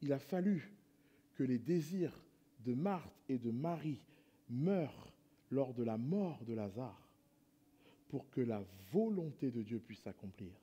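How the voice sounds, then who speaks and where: A man pastor preaching a sermon in church, moving between hushed prayerful passages and loud impassioned appeals. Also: medium pitch, animated, unhurried, breathy edge, highs cut off.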